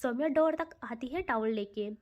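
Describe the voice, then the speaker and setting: High-voiced woman narrating a soft romance. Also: normal speed, lo-fi sound. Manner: soft, emotional, dramatic. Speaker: storyteller. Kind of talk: romantic audio story narration.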